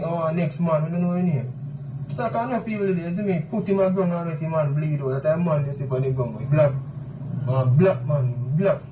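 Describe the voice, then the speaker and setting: High-voiced young Jamaican man, distant. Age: young adult. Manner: halting, repeats words. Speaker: eyewitness interviewee. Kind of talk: recounting in Patois-tinged speech. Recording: dull, roomy, distant, noisy field recording.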